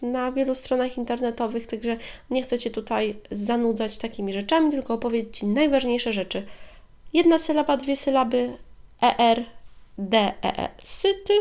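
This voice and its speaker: A woman hosting a podcast lesson, speaking directly to the listener and saying English examples slowly and with emphasis. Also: on the high side, darkish tone. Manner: switches between Polish and slow, emphatic English examples; friendly, direct address to the listener. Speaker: podcast host and English teacher.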